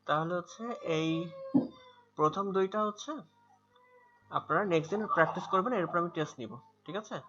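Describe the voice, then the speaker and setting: Speaking high-pitched at a normal speed with long pauses, a male tutor with a Bangladeshi accent patiently repeats English words for his students. It's an online pronunciation class over a video call, and the audio is muffled.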